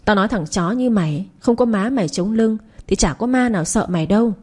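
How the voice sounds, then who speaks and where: A woman's voice: mid-range voice, expressive, fairly quick, darkish tone, slightly rough. A woman voicing a scrappy, cynical poor teenage boy who talks bluntly. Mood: scornful. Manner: blunt, scornful.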